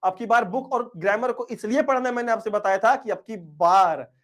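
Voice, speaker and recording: A male teacher giving an energetic online class and cheering his students on. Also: high-pitched, moderate pace. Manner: energetic, rousing, mixes in English words.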